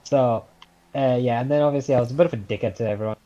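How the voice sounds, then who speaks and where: A young man in his late teens hosts a podcast, telling a rambling story casually in a Scouse accent and swearing often. His mid-range voice is mellow but rapid-fire, and the audio sounds dull.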